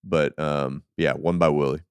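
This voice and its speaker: A man's voice: very deep voice, fairly even intonation, measured pace, smooth, dry recording. A man hosting a podcast, chatting in an easygoing, enthusiastic way with plenty of fillers. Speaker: podcast host. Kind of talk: casual interview chat.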